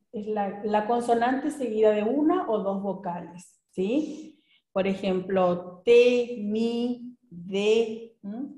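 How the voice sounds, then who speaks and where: Slow, patient woman teaching in an echoey room. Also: mid-range voice, mellow. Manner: patient, explanatory, checks in with students. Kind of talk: recorded class lecture.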